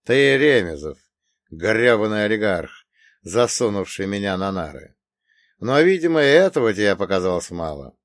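A man plays a frail old man in an audiobook, with a hoarse, croaking voice. He is worn out but stubborn. The read is close and dry. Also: fairly low pitch, big pitch swings, normal speed, no room sound. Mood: defiant.

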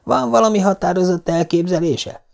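A man's voice: high-pitched, vocal fry, voice pushed up. A man voicing a talkative, obliging neighbour woman, eager to help. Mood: eager, chatty. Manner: chatty and obliging.

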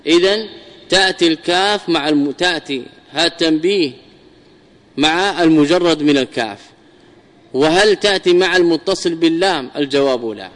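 A man delivers a traditional grammar lesson in a fairly high voice. He repeats phrases and drills examples slowly. The sound rings with a long hall reverb. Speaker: teacher of Arabic grammar. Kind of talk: traditional lecture.

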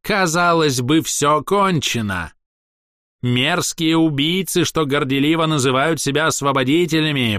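A man's voice: medium pitch, a bit bright, dry recording, clean studio sound, voice pushed up. A man voicing a proud, theatrical elf man who declaims with spite and a ringing voice, fiery and vengeful. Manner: grandiose, declamatory, capricious.

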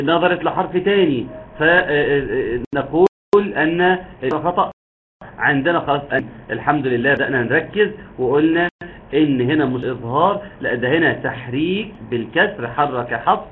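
Man, recitation teacher, slightly high voice, patient, tinny phone-like line, faint hiss. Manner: patient, explains step by step, stretches out words when demonstrating recitation. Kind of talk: online tajweed lesson.

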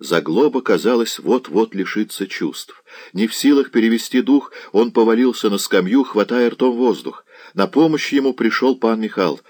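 Lively low-voiced male storyteller. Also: normal speed. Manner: expressive storytelling. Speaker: narrator. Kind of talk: audiobook narration.

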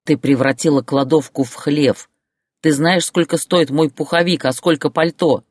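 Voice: medium pitch, steady tone, moderate pace, no echo, lightly acted. A narrator voicing a roaring enraged husband. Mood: shouting. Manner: roaring, barking, insulting. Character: furious bullying husband, adult man. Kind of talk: audiobook character voice.

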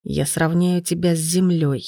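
A woman reading the part of an enraged, powerful man who speaks low and threateningly. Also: fairly even intonation, normal speed, creaky, warm tone, dry recording, studio quality. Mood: menacing.

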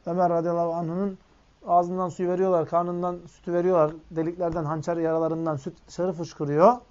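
A man's voice: sits high, little pitch movement, a little fast, darkish tone. A man preaching a sermon, reciting Arabic quotes and explaining them to his listeners, whom he calls friends. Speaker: Islamic preacher. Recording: dull lo-fi recording.

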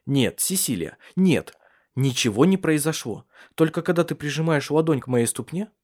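A man's voice: a little high, animated, normal speed, a little mellow, voice pushed up. A man voicing a wry, stubborn bedridden husband in an audiobook, talking dryly and curtly. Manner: dry, curt, teasing. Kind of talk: audiobook character reading.

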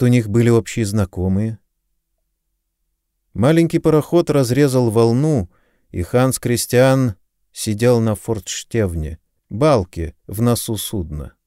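A man reading an audiobook in calm, measured scripted narration. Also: lowish voice, dry recording, clean studio sound.

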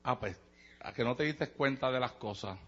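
A man with a Puerto Rican accent voicing a nosy, sly woman churchgoer who gossips in a hushed, conspiratorial tone. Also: medium pitch, moderate pace, voice pushed down, natural voice. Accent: Puerto Rican Spanish. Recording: dull lo-fi sermon recording.

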